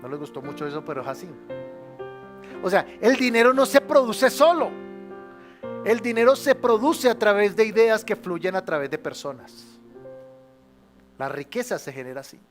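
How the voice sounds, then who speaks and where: A man preaching a sermon as pastor, with a Colombian Spanish accent, swinging between loud exclamations and hushed lines and having the congregation repeat after him. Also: high-pitched, lively intonation, moderate pace, pauses often, faint music behind. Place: church sanctuary.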